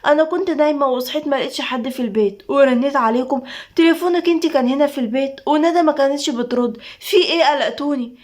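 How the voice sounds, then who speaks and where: A woman's voice: high voice, steady tone, racing, close to an everyday voice. A woman reading the part of an anxious, nervous young Egyptian woman in a spoken story, with an Egyptian accent. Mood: worried. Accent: Egyptian Arabic. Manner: anxious, questioning.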